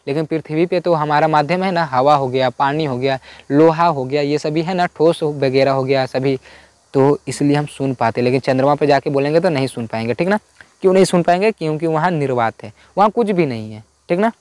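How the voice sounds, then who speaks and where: A man's voice: on the high side, fairly quick, darkish tone, no room sound. A man teaching a school physics lesson in informal Hindi, repeating key points and asking himself questions before answering them. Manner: repetitive, asks and answers his own questions. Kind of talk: explaining homework answers.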